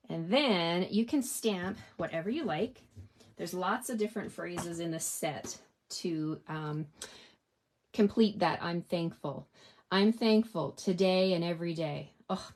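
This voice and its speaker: A woman's voice: on the low side, darkish tone, slight background noise. A woman giving a chatty, upbeat card-stamping tutorial at her craft desk, talking straight to her viewers. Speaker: craft demonstrator.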